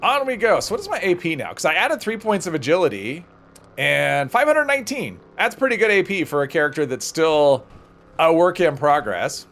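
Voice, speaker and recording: Animated man chatting on a gameplay livestream. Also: fairly high pitch, moderate pace. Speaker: livestream host. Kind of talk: casual gameplay livestream chat, thinking aloud.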